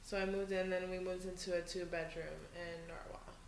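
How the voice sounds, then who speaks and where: A woman's voice: lowish voice, little pitch movement, moderate pace, a little hiss or hum. A woman from New York hosting a casual podcast interview in someone's living room, chatty and full of fillers. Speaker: podcast host. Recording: echoey room.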